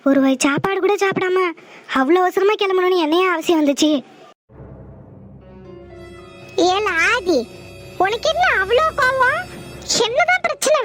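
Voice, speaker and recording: A woman voicing the village mothers and bride in an animated family drama, scolding and pleading in a dialect. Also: extremely high pitch, a little fast, faint music behind. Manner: scolding, rural Tamil dialect. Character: several village women: mother, mother-in-law, bride.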